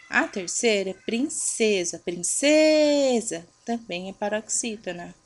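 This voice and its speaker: A young adult woman teacher going over homework answers for children, patiently checking in and drawing out stressed syllables to show them. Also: mid-range voice. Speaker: primary school teacher.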